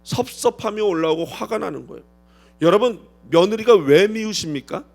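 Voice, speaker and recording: A male pastor preaching an expository sermon, posing rhetorical questions to the congregation and acting out quoted voices with sudden swings in loudness. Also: high voice, animated, moderate pace, gravelly, faint music behind.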